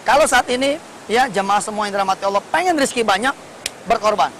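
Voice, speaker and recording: A male preacher gives a lively, colloquial sermon and keeps asking the congregation questions. His voice sits high for a man. A faint hiss runs under the recording. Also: quick pace, poor audio. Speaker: Islamic preacher.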